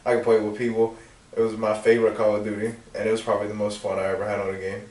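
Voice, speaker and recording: A man's voice: lowish voice, completely flat delivery, very fast, darkish tone. A man co-hosting a casual podcast, answering in a laid-back way. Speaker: podcast co-host. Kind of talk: casual chat. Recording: echoey room, far from mic.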